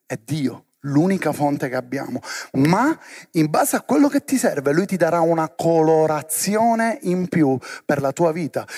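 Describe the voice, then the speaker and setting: An animated man preaches to young people, keeps firing questions at the crowd, and pulls them along as he speaks. His voice sits fairly high for a man. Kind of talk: lively sermon to young people.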